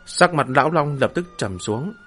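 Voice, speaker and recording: A man narrating a fantasy novel in a steady, dramatic storytelling voice. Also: on the high side, normal speed, husky, soft background music. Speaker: audiobook narrator.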